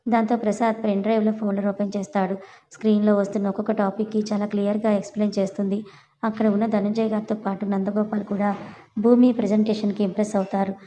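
A woman storyteller reading a serialized story in a steady, even narration. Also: mid-range voice, slight background noise, low-quality recording.

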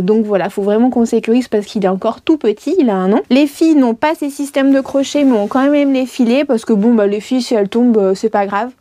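Her voice is fairly high and mellow, captured with no room sound. She's a thirty-something vlog host walking viewers through a small wood-lined van in a casual show-and-tell, joking and chatting with frequent hesitations.

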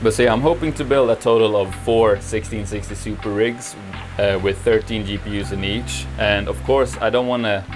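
A YouTuber in his twenties gives a tour of his mining farm, casually walking through his cluttered home workshop indoors in a relaxed, rambling vlog full of "like" fillers. His voice is lowish, and the camera is held at arm's length.

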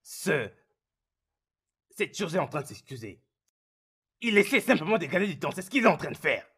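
A man dubbing a furious betrayed husband who accuses and shouts over the others, in a French film dub. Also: fairly high pitch, sing-song, moderate pace, slightly rough, heavily acted.

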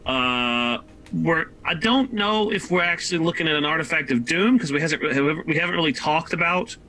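A man's voice: a little high, moderate pace, sharp tone, low-quality recording. A man co-hosting a casual livestream, talking thoughtfully and hesitantly with plenty of fillers. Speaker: co-host.

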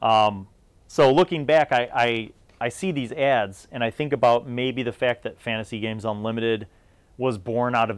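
With no room sound on the recording, a middle-aged tabletop game reviewer chats casually and off the cuff, full of opinions and tangents, in a medium-pitched voice.

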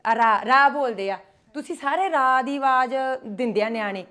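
A woman teaching a children's Punjabi class, calling out words slowly and loudly for the children to repeat. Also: sits high. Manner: slow, loud, drawn-out syllables for children to repeat. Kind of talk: call-and-response class teaching. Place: gurdwara classroom.

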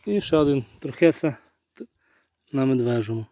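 A man with a Ukrainian accent, a nursery grower, reviewing his hazelnut bushes outdoors in an unhurried, halting way, thinking aloud, recorded on a phone camera. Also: medium pitch, expressive, dark tone. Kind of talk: casual walk-through plant review. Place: outdoors in a garden.

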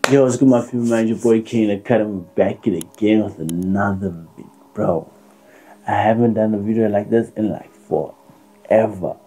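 A man's voice: fairly low pitch, normal speed, mellow, poor audio. A young man hosting a casual prank vlog at home, talking in slang and often dropping to a whisper for the camera. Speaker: vlogger and prankster. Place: indoors at home.

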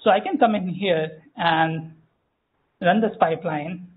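A man giving a live software demo at a tech meetup, explaining step by step with frequent fillers and self-corrections. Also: high voice, unhurried. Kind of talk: live conference demo walkthrough. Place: meetup room, small audience. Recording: tinny phone-like room audio.

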